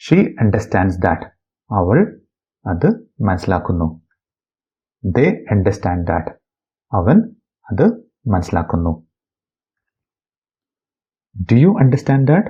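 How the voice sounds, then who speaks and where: A man from Kerala, reading out practice sentences for a lesson. His voice is husky and fairly low, and he lets the pitch rise and fall a great deal. Each line comes very slowly and deliberately on a dull, lo-fi recording. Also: big pitch swings, mellow. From Kerala, India. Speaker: English teacher. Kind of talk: bilingual phrase-by-phrase lesson.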